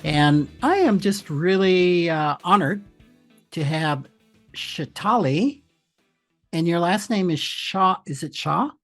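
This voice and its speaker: A man's voice: high voice, animated, takes it slowly, a bit bright, faint music behind. An older man hosting a podcast interview, talking loosely with many fillers and restarts. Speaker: podcast host.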